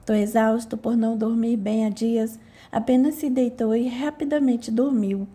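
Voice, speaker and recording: A woman narrating an audiobook in a calm storytelling manner. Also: a little high, moderate pace, husky.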